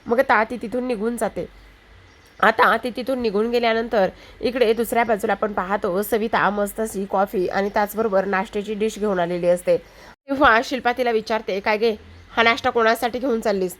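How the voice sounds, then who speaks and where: A woman's voice: medium pitch, normal speed. A woman narrating a recap of a TV serial episode in a plain, conversational storytelling manner. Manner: plain, conversational retelling with fillers.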